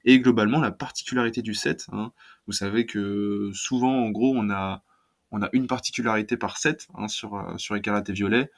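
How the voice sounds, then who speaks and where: A man's voice: on the low side, fairly even intonation, fairly quick. A man talking casually about trading cards for his channel, hesitant and full of fillers. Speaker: card collecting YouTuber. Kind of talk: casual video talk.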